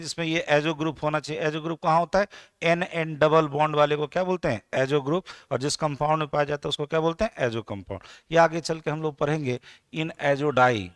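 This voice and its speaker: A male chemistry teacher from India lectures in a slightly raised voice, drilling his class with quick repeated questions. He switches between Hindi and English technical terms. The sound is dry and close, with no room echo. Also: on the high side, clean tone.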